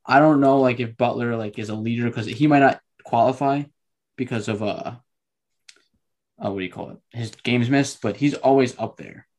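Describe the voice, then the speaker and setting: A man co-hosting a sports podcast who cuts in quickly and often fact-checks and corrects himself. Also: mid-range voice, a little mellow. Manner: quick interjections, self-correcting. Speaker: podcast co-host. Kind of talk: casual sports chat.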